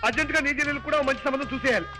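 An actor playing a timid, fussy comic young man in a film scene, talking in fast, high, excitable chatter. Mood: joking. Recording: film soundtrack with light music.

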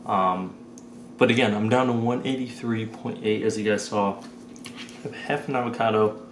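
A man's voice: on the low side, steady tone, moderate pace, slight background noise. A young man in his twenties vlogging casually to camera, chatty and joking with loose rambling talk. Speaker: vlogger and powerlifter.

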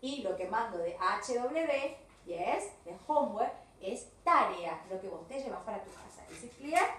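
A high-voiced woman teacher with a Rioplatense Spanish accent gives a video lesson to kids, switching between English and Spanish and drawing her words out slowly. She keeps praising and repeating words, checking again and again whether it's clear. She's recorded from some distance in an echoey room with a faint hiss underneath. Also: lively intonation. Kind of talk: recorded video class for children.

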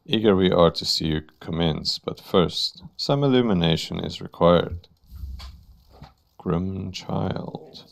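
A man reading a slow grand troupe master. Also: sits low, gravelly, full character voice. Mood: grandiose. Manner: slow, stately, theatrical.

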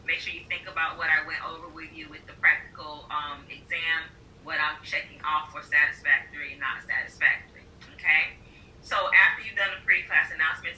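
A woman teaching a class, giving brisk, directive instructions and checking in with her students. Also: deep voice, pushed and bright, a little hiss or hum. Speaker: pole dance instructor trainer. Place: pole dance studio, indoors. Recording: distant voice in an echoey studio.

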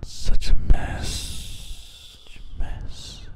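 A man performing a whispered, layered ASMR reading of lyrics with deliberate, drawn-out phrasing. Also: mellow, a little hiss or hum.

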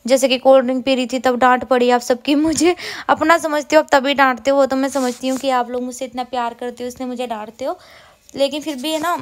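A woman's voice: high-pitched, fairly even intonation, fairly quick. A woman in her thirties from India, chatting casually at home about her day as she does chores, rambling and often correcting herself. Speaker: vlogger. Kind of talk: casual chat while doing chores.

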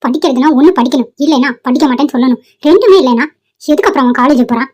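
A sharp, scolding cartoon mother, voiced by a woman, high-pitched and fast. She nags her son and snaps at her husband with little patience. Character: irritated middle-aged town mother nagging her son.

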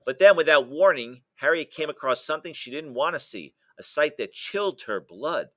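A male teacher reading a picture book aloud to a class, pausing to explain jokes and quiz his listeners. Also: fairly high pitch, animated, fairly bright tone, no echo.

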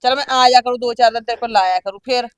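A middle-aged woman playing a patient older sister and farm-living mother who keeps calming her sibling down. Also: a little high, fast talker, no echo, close to an everyday voice. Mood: placating. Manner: soothing, placating, often asks back "huh?". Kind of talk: village family drama acting.

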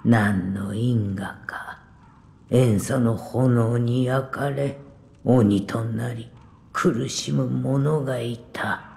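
A gravelly old village woman. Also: very deep voice, fairly even intonation, full character voice. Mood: weary, kindly. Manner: gruff, unhurried, old-fashioned speech with soft whispered asides. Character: weary old village woman, blunt but kindly. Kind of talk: game cutscene dialogue.

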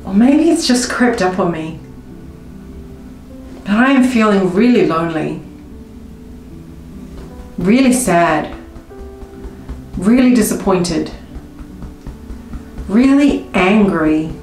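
A woman coaching viewers through a tapping session, speaking slow, emotive first-person affirmations. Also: medium pitch, expressive, darkish tone. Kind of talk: guided tapping script spoken in first person. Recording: roomy with faint music behind.

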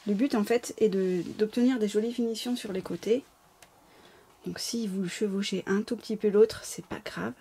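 A woman's voice: mid-range voice, warm tone, husky. A woman with a slight lisp giving informal, apologetic, step-by-step craft instructions as a tutorial host. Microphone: camera placed close over the work table.

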